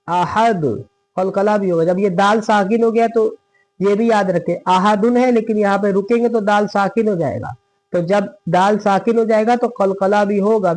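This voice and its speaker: A man teaching Quran recitation, patient and repetitive, who asks and answers his own questions and slows to a drawn-out chant for example verses. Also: high-pitched, a little mellow, rough recording. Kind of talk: lesson.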